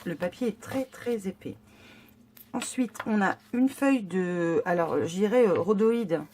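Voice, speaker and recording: A woman unboxing craft supplies for her viewers, talking at an ordinary middle pitch in a loose, chatty way. She gushes over each item but stumbles and restarts often, filling gaps with little hesitations. A faint hiss of noise sits under her voice. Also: a little slow, darkish tone. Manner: enthusiastic about the items. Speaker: scrapbooking vlogger. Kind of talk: casual unboxing chat.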